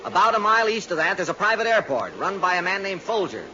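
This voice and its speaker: An American actor playing a brisk, insistent insurance man who flies planes, urgent and persuasive, in vintage radio drama style. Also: high voice, sing-song. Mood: brisk, instructing. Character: brisk, insistent male insurance adjuster and pilot. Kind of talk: 1940s-50s radio drama acting. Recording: muffled, noisy old radio recording.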